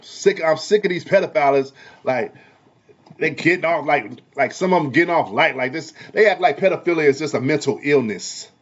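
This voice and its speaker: A man's voice: fairly high pitch, lively intonation, moderate pace. Heated, preachy man in lo-fi audio. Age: adult parent. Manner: heated, preachy, repeats himself, swings loud and soft. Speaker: vlogger and barber. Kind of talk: casual commentary vlog.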